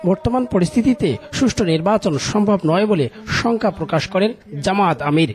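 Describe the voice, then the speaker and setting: Guy doing a news voiceover, high-ish voice, steady formal reading. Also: brisk. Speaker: TV news reporter. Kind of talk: scripted news voice-over.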